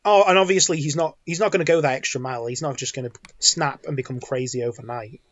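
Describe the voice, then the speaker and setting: A man's voice: medium pitch, fast talker, no echo. Man, podcast co-host, casual chat, rambling, dry slightly dull recording. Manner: rambling, restarts a lot.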